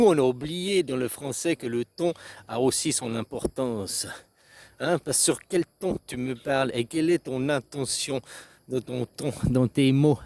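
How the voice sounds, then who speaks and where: A man's voice: mid-range voice, darkish tone, no echo. A man in a casual philosophical monologue, rambling and repeating himself, tagging short questions onto his phrases and acting out little example phrases in shifting tones.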